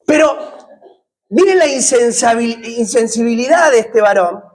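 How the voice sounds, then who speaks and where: A man's voice: very high-pitched, rough recording. A man preaching a sermon, putting questions to the congregation and joking with them. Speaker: pastor.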